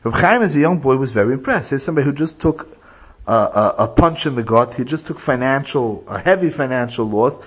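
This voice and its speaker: A man's voice: medium pitch, expressive, fairly quick, husky. A man teaching a religious lecture, explaining points through illustrative stories. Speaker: rabbi teaching a class.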